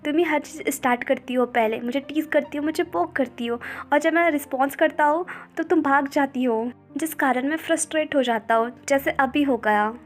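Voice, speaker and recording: A woman's voice: sits high, normal speed, hardly any pauses, soft background music, close to an everyday voice. A woman reading a smug, teasing young man. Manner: teasing, playful.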